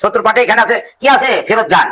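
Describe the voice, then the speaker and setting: A male teacher leading a classroom drill, calling out phrases in a slow sing-song and having the class repeat them. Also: high voice. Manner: slow sing-song drilling, stretched words and loud cues. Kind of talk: call-and-response classroom drill.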